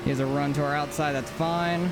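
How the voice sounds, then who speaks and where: A man with a slightly high voice and fairly even intonation speaks a little fast. He thinks aloud while sim racing, offering casual, informal live commentary. Behind him is the car engine noise of the racing game.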